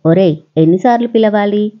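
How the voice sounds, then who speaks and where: A woman's voice: mid-range voice, fairly quick, highs cut off, pitched above the performer's own voice, close to an everyday voice. A woman voicing a stern, scolding retired father.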